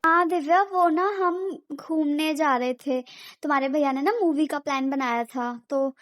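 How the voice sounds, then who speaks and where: A woman playing a calm elder sister-in-law who gently reproves in a comedy skit. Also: high voice, measured pace.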